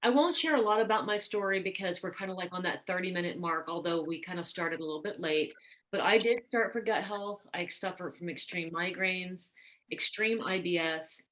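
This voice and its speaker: A woman hosting an event, telling her own story in an animated, reassuring way. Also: on the low side, moderate pace, poor audio. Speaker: event host. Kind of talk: casual testimonial talk.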